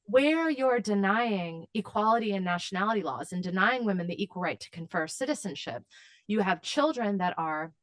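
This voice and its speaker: A woman's voice: mid-range voice, expressive, moderate pace, a bit bright, no echo. Earnest woman advocate, dry close sound. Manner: impassioned, with frequent fillers and restarts. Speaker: advocacy guest. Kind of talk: earnest interview answer.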